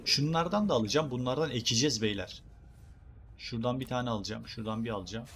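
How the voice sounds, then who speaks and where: This gaming YouTuber talks fast in a mid-range, somewhat bright voice, casually riffing on his gameplay with slang and jokes aimed at viewers and creatures in the game. A faint hiss or hum is audible.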